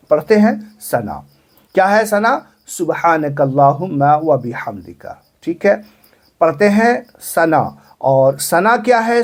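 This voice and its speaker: A man teaching the correct way to pray. He explains patiently, repeats his points and asks himself questions before answering them. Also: high voice. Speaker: Islamic religious teacher. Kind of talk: religious instruction.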